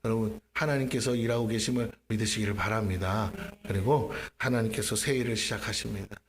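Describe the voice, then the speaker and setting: A man, the senior pastor, preaching a lively sermon in a church, acting out his prayers and questioning the congregation. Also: lowish voice, a little fast. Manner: animated, acts out his own prayers and asks the congregation questions. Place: church sanctuary.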